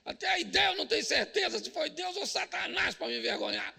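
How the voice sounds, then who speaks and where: A Brazilian Portuguese-accented pastor preaching to a business crowd, loud and joking, slipping into mock prayers. His voice sits high for a man, with a heavy gravelly fry. The tone is bright and sharp. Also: sing-song, normal speed, in a large hall. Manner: joking and loud, mimics people praying. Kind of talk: comedic sermon. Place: stage at a business event.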